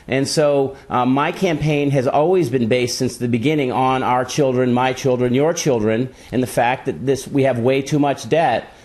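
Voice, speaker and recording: A middle-aged man speaks as a candidate being interviewed. His voice sits at an ordinary male pitch, and he explains his points earnestly and conversationally, staying on message. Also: a little mellow. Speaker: political candidate interview guest.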